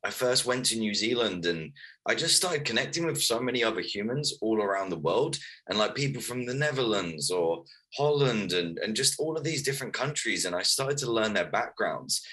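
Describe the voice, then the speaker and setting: A man's voice: on the low side, lively intonation, normal speed, sharp tone, low-quality recording. A man of thirty, telling his life story earnestly as an author guest in a casual interview. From Wales, raised in London. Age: 30s.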